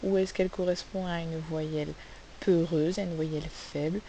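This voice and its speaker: A woman teaching a phonics lesson, sounding out letters and syllables slowly and asking the class questions. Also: on the low side, fairly even intonation, dark tone, low-quality recording. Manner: slow, carefully spelled-out sounds, asks questions. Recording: faint hiss.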